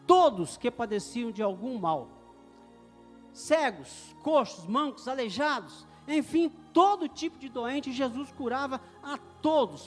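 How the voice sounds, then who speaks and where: A middle-aged man preaching a sermon in a church hall, fervent and swelling to loud declarations. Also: very high voice. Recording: echoey hall with music behind.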